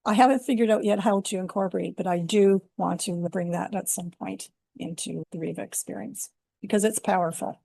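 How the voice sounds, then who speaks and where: A woman's voice: mid-range voice, fairly even intonation, brisk, gravelly, dark tone, dry recording, clean studio sound. An older woman from Canada, a life coach, telling her personal story earnestly and reflectively in an interview. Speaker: guest, women's life coach.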